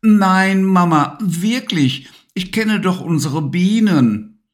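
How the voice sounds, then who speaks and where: A man's voice: sits high, slow pace, pitched above the performer's own voice. A man voicing a sleepy, stubborn little boy who whines and insists. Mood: insistent.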